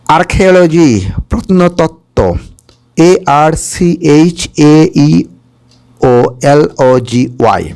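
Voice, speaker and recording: Man spelling English words out slowly. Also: a little high, lively intonation, darkish tone. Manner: spells words letter by letter, slow and careful; explains Bengali meanings, checks with "okay?". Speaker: English teacher. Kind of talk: spelling lesson.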